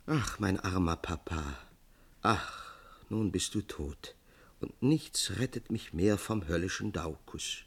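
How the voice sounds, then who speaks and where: A man voicing a distressed, proud young noblewoman in an audiobook tale, soft and lamenting. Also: mid-range voice, lively intonation, a little slow, few pauses, natural voice.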